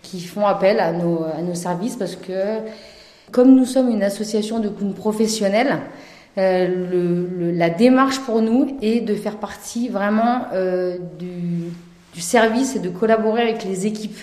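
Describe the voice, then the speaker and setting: A woman's voice: mid-range voice, unhurried, dark tone. A woman explains her work as a professional clown in interview answers. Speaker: professional care-setting clown. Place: echoing room in a care home. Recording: echoey indoor room.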